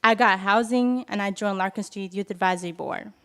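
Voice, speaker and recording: A woman in her twenties from Ethiopia, nervously giving a prepared speech at a press event, with halting self-corrections. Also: mid-range voice, a bit bright, clear, resonant tone. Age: 20s. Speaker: youth speaker at a press event.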